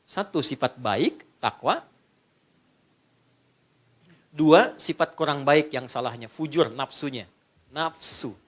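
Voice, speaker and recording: A man from Indonesia giving an Islamic study lecture in a lively, conversational way, joking with his audience. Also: a little high, slow pace, long pauses. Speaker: preacher.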